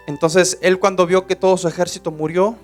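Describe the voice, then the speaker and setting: Man, pastor, passionate sermon, alternating soft and loud. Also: sits high, flat delivery, a little fast, faint music behind. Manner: passionate preaching, swings between soft and loud.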